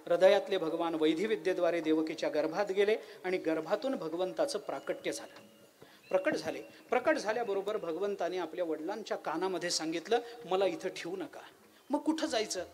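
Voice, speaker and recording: Animated male kirtan preacher. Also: sits high, a little fast, a little hiss or hum. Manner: animated storytelling, rhetorical questions, chanted verses. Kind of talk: devotional kirtan sermon.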